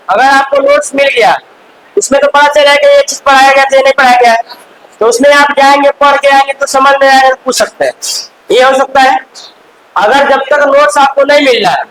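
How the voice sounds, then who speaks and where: Male classroom teacher, strikingly high-pitched, quizzes and scolds students, faint hissy recording. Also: fairly bright tone, poor audio. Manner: quizzes students with quick questions and answers; scolding, chatty asides to students. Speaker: chemistry teacher. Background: faint hiss.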